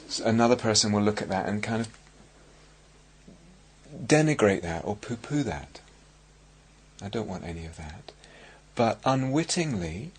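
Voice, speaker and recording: A middle-aged man with an English accent giving a dharma talk as a meditation teacher, speaking in a reflective, halting way with many restarts. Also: on the low side, husky. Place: meditation hall at a retreat centre.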